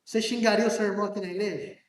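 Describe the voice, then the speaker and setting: High-voiced pastor in an echoey church. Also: male voice, steady tone, racing. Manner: conversational, joking, asks the congregation questions. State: hard of hearing, talks loudly. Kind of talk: sermon. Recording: echoey church room from a distance.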